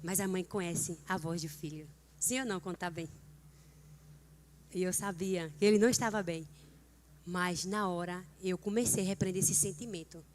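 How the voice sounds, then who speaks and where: A woman's voice: lowish voice, steady tone, moderate pace, slight background noise. A middle-aged woman from Brazil giving a heartfelt testimony and exhortation at a church prayer meeting, earnest and emotional, rising to fervent emphasis. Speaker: church speaker leading prayer.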